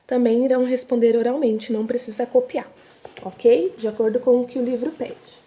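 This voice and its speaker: A woman's voice: fairly high pitch, fairly even intonation, moderate pace, dark tone. A young woman teaching a recorded reading lesson to young children, with a Brazilian Portuguese accent, patient and drawn out, repeating each word. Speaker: primary school teacher.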